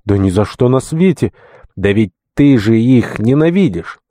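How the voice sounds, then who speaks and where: A man voicing a flustered, excitable schoolteacher in an audiobook reading, blurting agitated, tongue-tied outbursts. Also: mid-range voice, measured pace, no room sound, clean studio sound, voice pushed up, close to an everyday voice.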